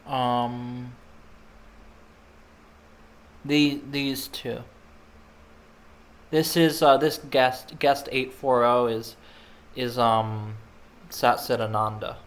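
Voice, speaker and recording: A man rambles casually over video game replays, laid-back and snacking as he talks. His voice is mid-range, steady in tone, and slow.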